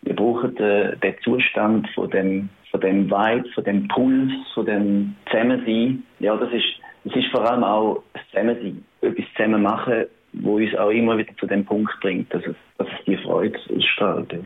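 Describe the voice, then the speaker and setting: A band musician from Schaffhausen, Switzerland, with a Swiss German accent answers interview questions casually and hesitantly, full of fillers and restarts. His voice is on the low side with fairly even intonation at normal speed, over a tinny, phone-like line.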